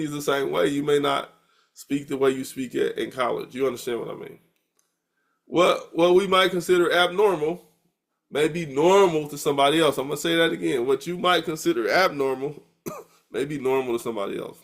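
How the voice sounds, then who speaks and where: A middle-aged American man delivering a university lecture in an easygoing, conversational style. His voice sits at an ordinary male pitch, and he often doubles back on words, restarting phrases as he thinks aloud. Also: vocal fry. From United States. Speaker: university professor. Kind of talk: recorded lecture.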